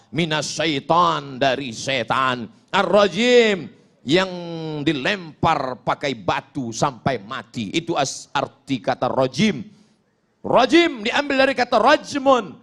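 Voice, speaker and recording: A man preaching a sermon, joking, dropping from shouted emphasis to low asides and chanting Arabic quotes. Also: animated, slow.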